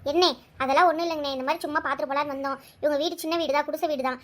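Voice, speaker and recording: A woman voicing a bustling mother of the bride in a cartoon, chattering in a hospitable, rapid way. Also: high-pitched, fairly even intonation, close to an everyday voice. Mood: fussing. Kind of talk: cartoon voice acting.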